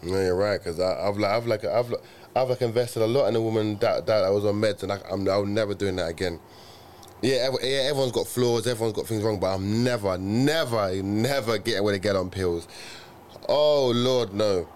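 A man's voice: fairly low pitch, brisk, darkish tone, slight background noise. A young man, chatting casually, rambling and agreeing in slang. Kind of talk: casual podcast chat.

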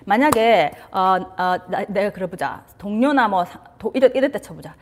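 A woman's voice: mid-range voice, moderate pace, a little hiss or hum. A woman giving a casual talk on parenting and anxiety, asking her listeners questions and slipping in English terms. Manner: lively, asks the audience questions, drops in English terms. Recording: reverberant room.

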